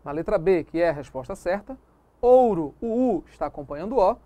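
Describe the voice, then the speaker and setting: Lively woman teaching a lesson. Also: fairly low pitch, fairly quick, dry recording. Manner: didactic, checks understanding with tag questions. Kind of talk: recorded video lesson on phonetics.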